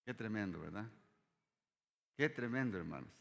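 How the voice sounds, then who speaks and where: A man preaching a sermon, often addressing the congregation as brothers and dropping his voice low at the end of phrases. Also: lively intonation, normal speed, vocal fry, fairly bright tone. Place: church hall. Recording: long hall reverb.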